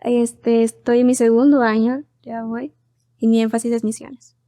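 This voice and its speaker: A woman's voice: fairly high pitch, flat delivery, normal speed, warm tone, dry recording. A woman in her early twenties with a Peruvian accent, introducing herself casually as a podcast guest. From Peru. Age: 20s.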